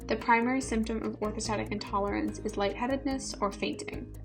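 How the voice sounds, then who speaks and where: A woman narrating and asking interview questions in a clear, read-aloud way. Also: on the high side, steady tone, a little fast. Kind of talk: scripted narration. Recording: music underneath.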